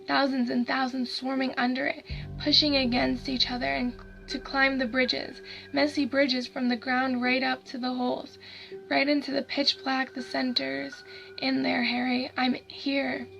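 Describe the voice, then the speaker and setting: A woman voicing a dead young boy who talks in a hushed voice, bitter and growling with hatred. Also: high voice, little pitch movement, a little slow, creaky, muffled recording, soft background music, exaggerated voice. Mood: awed dread.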